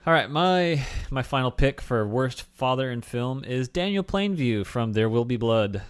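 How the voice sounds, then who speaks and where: A man's voice: medium pitch, lively intonation, moderate pace, clear, resonant tone, no echo. A man co-hosting a casual film chat, wry, laughing as he tells things. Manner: wry, laughs while telling. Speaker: podcast co-host.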